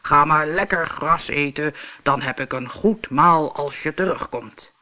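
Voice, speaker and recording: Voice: medium pitch, measured pace, sharp tone. A narrator growling as a greedy bridge monster. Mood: menacing. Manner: growling, bellowing. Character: hungry green one-eyed bridge monster. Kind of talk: storybook reading.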